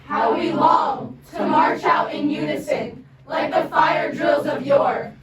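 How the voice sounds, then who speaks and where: Young female chorus in unison, high voices, slow measured pace, emphatic choral poetry recitation, loud projection. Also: heavy background noise. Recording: echoey, distant mic, loud crowd of voices.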